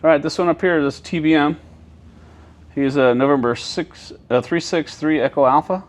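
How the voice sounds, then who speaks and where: Inside an airport control tower, a male air traffic controller gives a casual, plain-spoken walkthrough, explaining step by step and frequently checking that the listener is following. His voice is somewhat high and his speed is normal.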